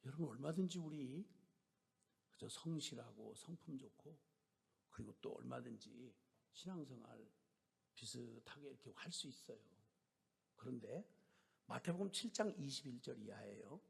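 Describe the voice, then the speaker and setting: A man preaching a sermon as a missionary, telling a story and acting out the people in it, moving between shouting and whispering. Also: mid-range voice, animated, moderate pace, gravelly, pauses often, husky, big-room sound. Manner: storytelling, acting out scolding dialogue.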